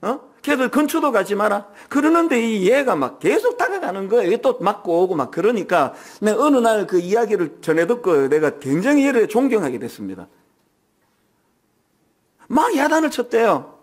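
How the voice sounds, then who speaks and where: High-voiced, lively older male pastor. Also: moderate pace. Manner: conversational preaching with personal anecdotes and humor; frequent rhetorical questions to the congregation. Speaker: senior pastor. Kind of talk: Sunday sermon. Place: church sanctuary.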